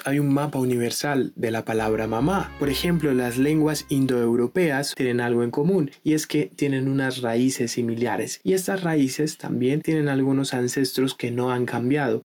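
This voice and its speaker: A man hosting an educational history podcast, reading a scripted segment in a measured, explanatory tone. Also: medium pitch, darkish tone. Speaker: podcast host.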